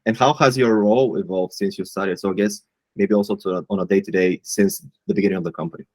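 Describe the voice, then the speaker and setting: A man's voice: sits low, steady tone, fast talker, a little mellow, dry recording. A man hosting a company interview series, reading polite questions with some hesitation. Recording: dry close sound.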